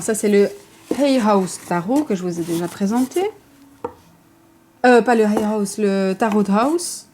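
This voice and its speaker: A woman talks through her collection in a casual, rambling way. Her voice is mellow and warm, full of little fillers and self-corrections. Faint noise sits under the recording. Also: mid-range voice. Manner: chatty, hesitant, many fillers and self-corrections. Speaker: vlogger showing her tarot collection. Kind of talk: casual show-and-tell.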